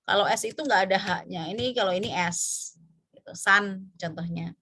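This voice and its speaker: A woman with an Indonesian accent teaching an English pronunciation class, drawing out example words slowly and pausing with fillers. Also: mid-range voice, bright, forceful tone, slightly rough. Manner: slow, drawn-out example words with many fillers. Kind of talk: online class lesson mixing Indonesian and English.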